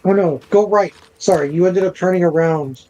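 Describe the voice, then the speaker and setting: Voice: mid-range voice, normal speed, mellow, lo-fi sound, a little hiss or hum. A speaker in casual gaming voice chat, guiding a teammate with directions and many fillers.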